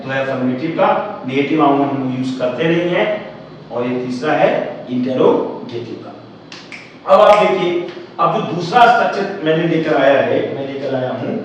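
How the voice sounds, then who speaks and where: A man teaching a grammar class in a strongly echoing room, heard from a distance over faint background noise. His voice sits a little high, and he repeats phrases, slowly stretching the words he wants to stress. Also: dull audio. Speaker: English teacher.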